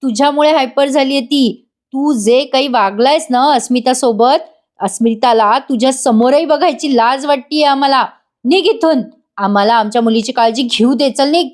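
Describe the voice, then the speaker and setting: A woman's voice: high-pitched, normal speed, voice pushed up, natural voice. A woman voicing a stern, angry middle-aged father who scolds and orders someone out.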